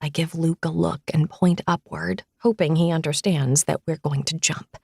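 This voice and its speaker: A woman narrating a first-person romance audiobook in a playful, expressive way. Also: sits low, normal speed, vocal fry, slightly rough, dry recording, studio quality.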